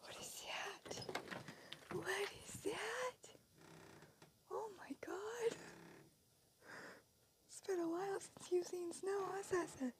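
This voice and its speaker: A woman with a very high voice talks to her dogs outdoors in the snow, mostly in whispers. She speaks slowly and exclaims at the cold, recorded on a handheld camera. A faint hiss of outdoor noise sits behind her. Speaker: pet owner filming her dogs. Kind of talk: casual vlog chatter to pets.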